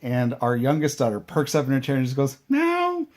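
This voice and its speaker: A man sharing stories about his kids on a home vlog. He talks in a relaxed, matter-of-fact way, and his pitch sits in an ordinary middle range. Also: fast, slight background noise. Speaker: adoptive parent, vlogger. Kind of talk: casual chat.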